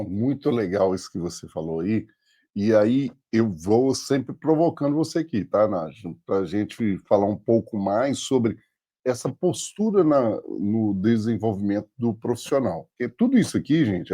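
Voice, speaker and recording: Mellow, husky-voiced Brazilian host. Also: male voice, lowish voice, animated, normal speed. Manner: loose, rambling questions with restarts. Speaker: podcast host. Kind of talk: casual interview chat.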